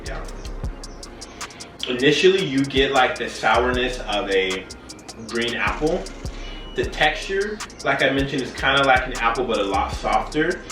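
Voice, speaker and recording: A man's voice: medium pitch, lively intonation, a little slow, long pauses. A tipsy man hosting a casual home cooking demonstration, talking in a loose, rambling way. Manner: tipsy, loose and rambling, drinking shots as he cooks. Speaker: cooking show host. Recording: roomy echo, distant mic, music behind. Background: music.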